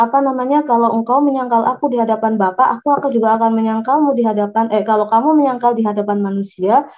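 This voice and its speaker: A woman recounts her personal testimony in a fairly high voice. She pauses, restarts and fills gaps as she goes. The recording sounds dull and lo-fi. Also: a little mellow. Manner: halting, with many restarts and fillers.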